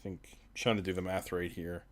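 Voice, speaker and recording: A man's voice: deep voice, level tone, normal speed. A man running a tabletop game, narrating casually as game master.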